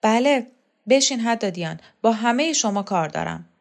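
A woman's voice: a little high, animated, vocal fry, voice pushed up. A woman reader voicing a commanding woman official who questions people in a cool, mocking way.

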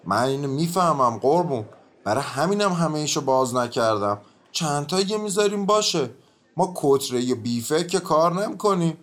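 A man's voice: fairly high pitch, lively intonation, a bit bright. A man playing a stubborn grumbling peasant. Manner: rustic colloquial speech, grumbling and mumbling. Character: stubborn barefoot peasant man on trial, evasive. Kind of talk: radio drama acting.

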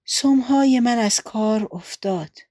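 A woman's voice: a little high, dark tone, no echo, clean studio sound, voice pushed up, lightly acted. A woman voicing a weary, tired deer with a plaintive way of speaking.

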